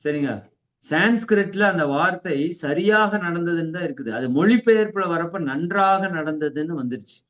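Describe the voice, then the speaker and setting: A man with a fairly high voice gives a spiritual class in a teacherly manner. He keeps asking his listeners whether they follow, and he slows down to recite key verses. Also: animated. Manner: teacherly, asks "right?" to check understanding.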